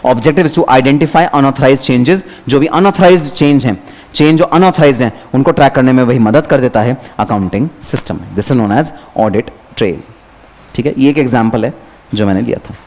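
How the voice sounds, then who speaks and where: A man teaching an exam revision lecture, chatty and lively, talking straight to his students. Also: medium pitch, normal speed. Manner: lively, chatty, addresses students by name, mixes English terms.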